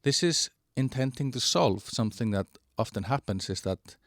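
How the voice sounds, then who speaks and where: A man giving a halting walkthrough of an online platform, with many fillers and restarts. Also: medium pitch, lively intonation, fairly bright tone, no room sound, studio quality. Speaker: presenter of a digital platform. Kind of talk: screen-share product walkthrough.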